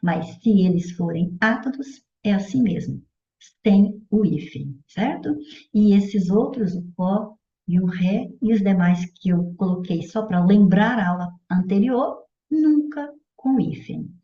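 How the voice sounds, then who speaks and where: A woman's voice: medium pitch, animated, unhurried, slight background noise. Didactic Brazilian woman teaching grammar. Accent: Brazilian Portuguese. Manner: didactic, checks in with "certo?" and "olha". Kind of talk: explanatory exam-prep lesson. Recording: dull echoey room audio.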